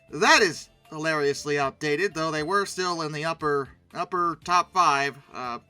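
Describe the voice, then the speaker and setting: In a mid-range voice, a host jokes casually about pictures, drifting through asides before breaking out in animated, mock-indignant outbursts.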